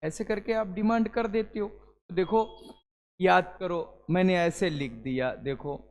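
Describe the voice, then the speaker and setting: High-voiced man teaching. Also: measured pace, in a large hall. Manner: addresses students as "beta", asks and answers his own questions. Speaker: English teacher. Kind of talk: classroom lesson to students.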